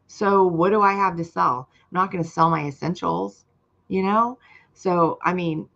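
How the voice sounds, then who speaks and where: Woman, fifties, earnest personal testimonial, talks straight to viewers, slightly gravelly. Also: fairly low pitch, a bit bright, dull audio. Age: 50s. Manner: earnest, emotional, speaks directly to viewers. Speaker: program member sharing her story.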